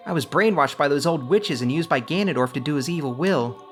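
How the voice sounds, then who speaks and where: A man's voice: on the high side, expressive, brisk, faint music behind, pitched above the performer's own voice, natural voice. A man voicing a proud, brash female warrior from a game. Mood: bold.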